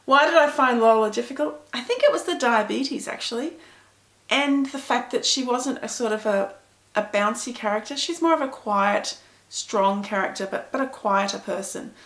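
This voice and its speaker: Chatty woman, gravelly voice. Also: on the high side, normal speed, fairly bright tone, roomy sound. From Pakistan. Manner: chatty, self-deprecating storyteller. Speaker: author answering reader questions. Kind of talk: casual talk to camera.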